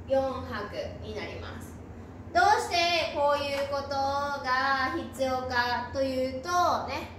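High, bright woman teaching slowly. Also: a little hiss or hum. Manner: repeats words slowly, friendly teacher tone. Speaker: Japanese teacher. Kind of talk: slow, clear language lesson. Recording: echoey room, mic at a distance.

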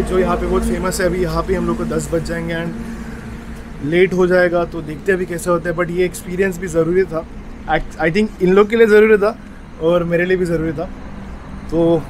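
A young man, chatting casually to viewers in a travel vlog, filmed on an action camera held at arm's length. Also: sits high. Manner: chatty, mixing Hindi and English, talking to viewers. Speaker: travel vlogger. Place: car, roadside eateries and beaches, indoors and outdoors. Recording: noisy action-cam sound with traffic and wind.

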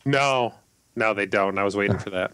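A man hosting a casual podcast chat, rambling and halting with lots of fillers and restarts. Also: lowish voice, a bit bright, clean tone, no echo. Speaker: podcast host.

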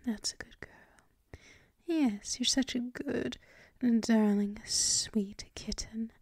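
Here a woman takes it slowly in an intimate ASMR roleplay, cast as a doting, teasing yet gentle dominant girlfriend. Her fairly high voice has a breathy edge, often dropping to a soothing, affectionate whisper near the microphone, with no room sound.

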